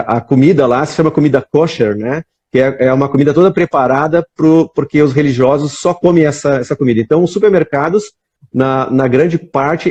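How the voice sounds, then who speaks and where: A guest with a Brazilian Portuguese accent chats casually on a live video call, his fairly high voice warm in tone with the highs cut off. He rambles through stories, restarting often and tossing in "né?" again and again.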